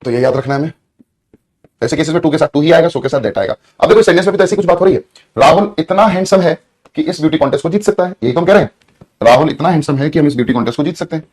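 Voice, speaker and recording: Rapid-fire and husky, with a darkish tone and fairly high pitch, a man teaches English grammar to prepare students for exams. He repeats himself, poses questions to the class, and stretches words during dictation.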